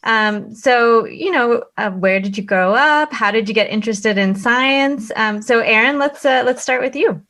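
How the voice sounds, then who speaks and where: A woman's voice: on the high side, measured pace, hardly any pauses, a bit bright. A woman co-hosting a podcast interview, asking friendly questions with many hesitations. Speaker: podcast co-host.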